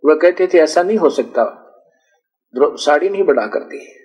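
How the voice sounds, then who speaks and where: A spiritual preacher delivers a storytelling sermon in a rustic, conversational way, acting out dialogues and often correcting himself mid-word. His voice is a little high and animated, with a darkish tone, at normal speed. The audio quality is poor.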